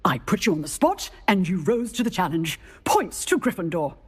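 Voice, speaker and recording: For a video game role, a woman voices a stern, exacting female professor of magic who teaches dueling, speaking in a formal, authoritative way. Her voice is fairly low, husky and very animated, at a normal speed.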